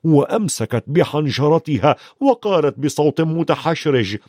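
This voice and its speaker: A man narrating a storybook in an expressive, varied reading. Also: a little high, moderate pace, no echo, studio quality. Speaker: audiobook narrator.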